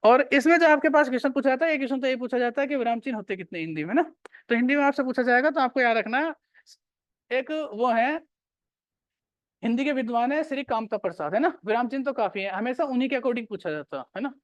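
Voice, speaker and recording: A man's voice: extremely high pitch, fast talker, a bit bright, dry recording, lo-fi sound. A male teacher giving a classroom grammar lecture, repeating key points and quizzing his students.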